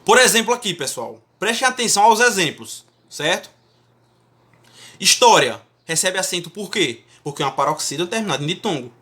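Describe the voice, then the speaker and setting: A man's voice: high-pitched, big pitch swings, a little fast, pushed and bright. A man teaching Portuguese grammar in a lecture, emphatic, often checking in with the class.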